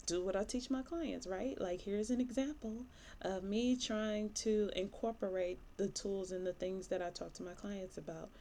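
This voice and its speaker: Chatty and candid, this thirtysomething licensed therapist from Michigan, USA, rambles to the camera with many fillers while her allergies leave her sniffly. Her voice is medium in pitch with a darkish tone, and slight background noise can be heard.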